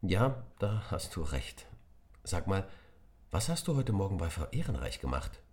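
A man voicing a mild, curious schoolboy in a children's audiobook, speaking gently. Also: deep voice, very animated, normal speed.

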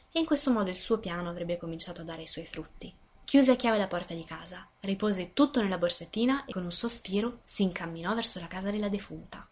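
A woman presenting a radio book show and reading a novel aloud in measured, expressive narration, in a studio. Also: on the low side. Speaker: audiobook presenter and reader.

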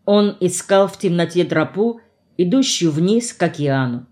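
A woman's voice: on the low side, lively intonation, a little slow, darkish tone. Woman reading a novel aloud. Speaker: audiobook narrator. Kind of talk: first-person literary narration.

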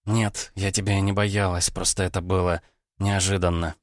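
A man voicing a gentle, worried young woman who speaks quietly. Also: low-pitched, level tone, normal speed, dry recording, clean studio sound, close to an everyday voice. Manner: soft and quiet.

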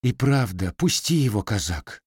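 A man's voice: on the low side, animated, normal speed, a little mellow, breathy edge, no room sound, studio quality. A man voicing a weary cossack woman who pleads with her husband. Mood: pleading.

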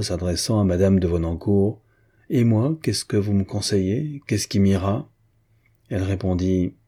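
A man reading a classic novel aloud as an audiobook narrator, in measured, even narration. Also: deep voice, slightly rough.

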